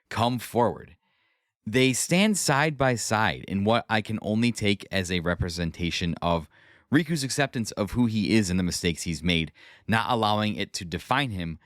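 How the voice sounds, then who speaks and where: A man's voice: fairly low pitch, no echo, clean studio sound. A man hosting a podcast, narrating a scripted recap of a game story with casual asides. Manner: conversational asides in a scripted read. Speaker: podcast host.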